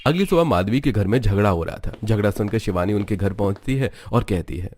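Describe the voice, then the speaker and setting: A man narrating a cartoon story in a steady, even storytelling manner. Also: lowish voice, fairly quick.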